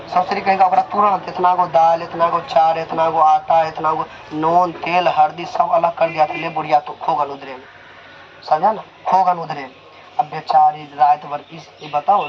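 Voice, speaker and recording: A young man teaching a class in Hindi with a Bihari accent, retelling a story and checking often that the students follow. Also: fairly high pitch. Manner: conversational, keeps checking with the class. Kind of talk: storytelling lesson retelling a chapter. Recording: slightly dull, faint noise.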